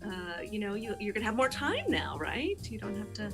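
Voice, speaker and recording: A woman's voice: medium pitch, sing-song, fairly quick, over music. A woman playing an eager, fussy housemate in an improv comedy scene, hesitant and full of fillers.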